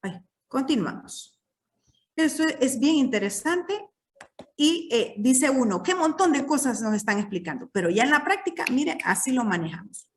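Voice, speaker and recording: A woman's voice: sits high, big pitch swings, normal speed, recorded from a distance. A woman teaching a literature class, explaining patiently and checking in with her students often.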